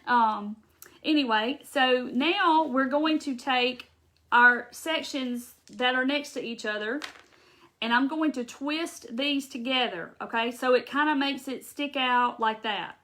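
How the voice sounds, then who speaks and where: A woman with a Southern accent hosts a live craft demonstration, speaking slowly in a high, bright, forceful voice. She chats straight to viewers and answers their comments as she works, rambling with restarts and laughs.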